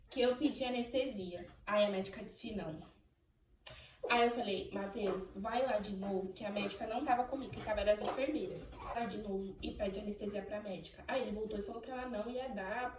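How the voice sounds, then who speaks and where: A young woman with a Brazilian Portuguese accent recounts a personal story, and her voice sits a little high. She speaks with feeling and acts out the remembered exchanges as she goes. She is recorded from a slight distance in an echoey room with faint ambience behind her. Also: background noise. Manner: emotional, animated storytelling, voicing remembered exchanges. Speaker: channel host. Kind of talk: personal birth story vlog.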